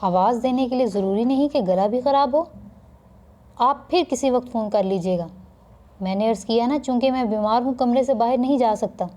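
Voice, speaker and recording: A woman's voice: fairly high pitch, mellow, close to an everyday voice. A woman teacher voicing a sick, irritable husband who groans and complains in a peevish way while reading a play. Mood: annoyed.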